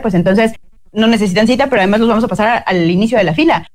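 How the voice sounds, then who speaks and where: Fast-talking Mexican woman consul. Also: mid-range voice, a little mellow. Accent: Mexican Spanish. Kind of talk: radio interview guest.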